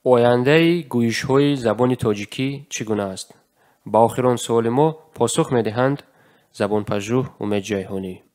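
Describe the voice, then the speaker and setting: A man's voice: medium pitch, darkish tone. Formal male radio announcer. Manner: measured and formal. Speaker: radio host.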